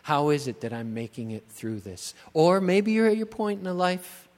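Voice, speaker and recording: A middle-aged man, a pastor, preaching a sermon in a church, slow and emphatic, building on repeated rhetorical questions. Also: fairly high pitch, sing-song, a little mellow. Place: church sanctuary. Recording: long church-hall reverb.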